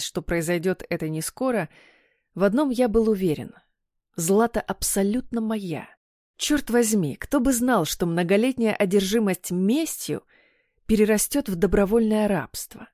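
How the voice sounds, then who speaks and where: A woman reading a romance audiobook in measured first-person narration. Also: mid-range voice, dark tone, dry recording, studio quality.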